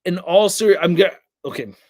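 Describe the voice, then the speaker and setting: A man's voice: sits high, brisk, darkish tone, no echo, clean studio sound. Tired, rambling man in his late thirties. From United States. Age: late 30s. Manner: rambling, crude jokey talk with lots of fillers. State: tired and yawning. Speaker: toy reviewer and livestream host. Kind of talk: casual livestream chat.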